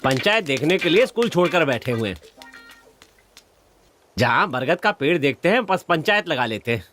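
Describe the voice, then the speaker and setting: An actor playing a stern middle-aged village elder who gruffly shoos people away, in a Hindi film dub. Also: male voice, on the high side, big pitch swings, moderate pace, a bit bright, soft background music.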